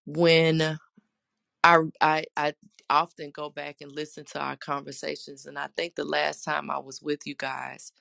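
Faith host with a really raspy gravelly voice, slow, praying n sharing, kinda flat pitch. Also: dry recording. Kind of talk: devotional talk and prayer.

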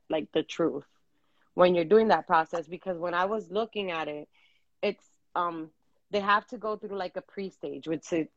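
A low-voiced woman co-hosting a chat show from her end of a video call. She talks earnestly and rambles, circling back on herself with plenty of "um"s. The sound is dry and a little dull, like lo-fi call audio. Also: fairly bright tone, dry recording. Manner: earnest, rambling with many fillers and restarts. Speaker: podcast co-host.

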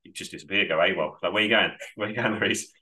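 Deep-voiced and quick, the co-host sounds pushed and bright as he rambles through the casual podcast conversation. He's upbeat despite recovering from a cold, and he keeps correcting himself.

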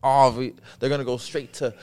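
A man's voice: medium pitch, little pitch movement, moderate pace, mellow, smooth. A young man co-hosting a casual late-night podcast, talking loosely with lots of profane slang and jokes.

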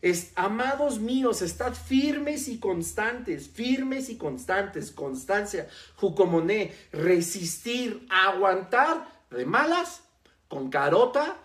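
A preacher delivering a sermon, stressing key words by slowing down and repeating them. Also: mid-range voice, sing-song, a bit bright. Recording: roomy echo.

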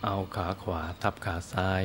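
A man teaching Buddhist meditation, guiding listeners gently and soothingly in short phrases with long pauses. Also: a little hiss or hum. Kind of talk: guided meditation instruction.

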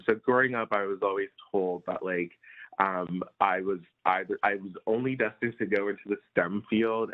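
A man in his early twenties from India, answering interview questions in a rambling casual way full of fillers. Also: lowish voice. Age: early 20s. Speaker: guest. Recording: phone-like remote call audio.

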